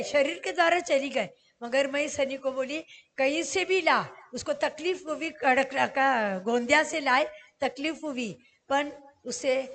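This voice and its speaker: Woman preacher, high voice, emphatic sermon delivery with repeated questions, echoing church hall. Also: fairly bright tone. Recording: long hall reverb.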